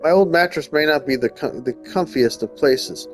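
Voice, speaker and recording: Over soft background music, a man with a slightly high voice talks at a moderate pace through a gaming video. He muses informally and reads the story text out as he goes.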